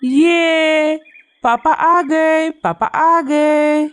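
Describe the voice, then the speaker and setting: High chirpy cartoon bird chicks, voiced by a woman, childlike, eager, slow. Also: darkish tone. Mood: excited. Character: small excited bird chicks, hungry and eager.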